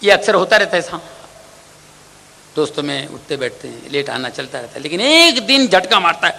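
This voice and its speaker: A man's voice: fairly high pitch, sing-song, fairly quick, vocal fry, pushed and bright, slight background noise, poor audio. A man preaching a sermon in a conversational, humorous storytelling manner.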